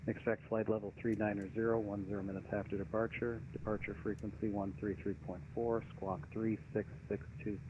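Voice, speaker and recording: An air traffic controller gives procedural instructions over aviation radio in a lowish, level voice, speaking briskly with few pauses. The radio audio is dull and noisy.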